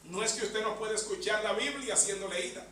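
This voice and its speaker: A man's voice: high-pitched, brisk, bright, forceful tone, slight background noise. A man preaching a sermon in a church, peppering his phrases with amen and praises to the Lord. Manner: punctuates phrases with amen and bendito sea el Señor. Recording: echoey church hall, mic far off.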